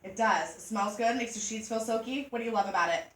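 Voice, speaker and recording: Bright, chatty Midwestern woman pitching products. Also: fast. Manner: chatty, joking, animated storytelling. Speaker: party product consultant. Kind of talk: sales demonstration to a group. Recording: echoey room from far off.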